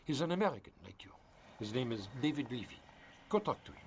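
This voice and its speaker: A cold, scheming politician who brushes off worry and keeps tight control. His delivery is smooth, with a lively rise and fall. The dubbed film audio is dull and lo-fi, with a faint hiss. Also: medium pitch, fast talker. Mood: controlling. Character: calculating middle-aged male politician, cold and controlling.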